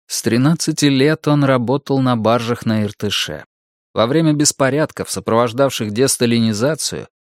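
A man's voice: medium pitch, dry recording. Man reading a novel in a dry booth. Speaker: audiobook narrator. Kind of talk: scripted narration.

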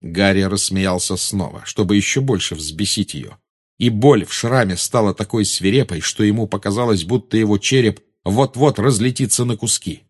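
A man narrating an audiobook in a dramatic, expressive style. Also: on the low side, normal speed, slightly rough.

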